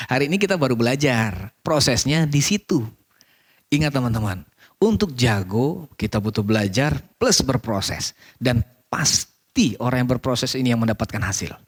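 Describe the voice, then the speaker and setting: A man teaching a public speaking course, often asking questions and answering them himself, repeating key phrases for emphasis. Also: medium pitch. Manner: animated, asks and answers his own questions. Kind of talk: online course lesson.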